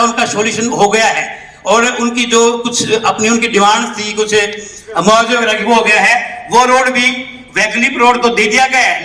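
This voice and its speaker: A man's voice: sits high, pushed and bright. A man speaking as a party spokesman in a heated political debate, talking assertively and insisting on being heard. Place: large hall with public audience. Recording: echoey hall, faint noise.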